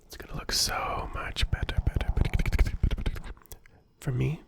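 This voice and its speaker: An adult ASMR creator whispering softly and affectionately to viewers, repeating words over and over. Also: brisk. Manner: soft and affectionate. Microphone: close microphone.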